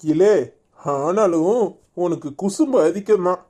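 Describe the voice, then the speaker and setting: Casting: a woman doing a reassuring cartoon dad, Tirunelveli accent, lively intonation. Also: fairly low pitch, unhurried. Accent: Tirunelveli Tamil. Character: grown son and father, calm and reasoning. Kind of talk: cartoon voice acting.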